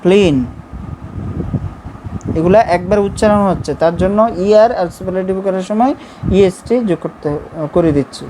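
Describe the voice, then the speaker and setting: A woman's voice: mid-range voice, brisk. A woman with a Bangladeshi accent, teaching a grammar lesson and writing as she explains, who repeats her points patiently and keeps checking that students follow. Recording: faint background noise.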